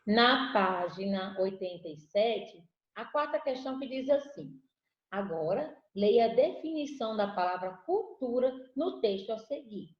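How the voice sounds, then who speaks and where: A woman's voice: fairly high pitch, lively intonation, a little slow. Brazilian lady teacher with a bouncy up and down voice, asks and answers herself, roomy lo-fi audio. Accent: Brazilian Portuguese. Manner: patient, questioning, answers her own questions. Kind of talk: online class lesson. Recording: echoey room, dull lo-fi audio.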